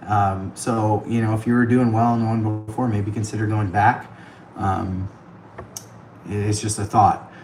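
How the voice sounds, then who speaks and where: On the road with an iPad, a man hosts a casual livestream, chatting, thanking viewers by name, and laughing often as his voice grows worn. He speaks a little slowly in a lowish, level tone. Through the tablet mic, the recording is low quality and reverberant, with music playing underneath.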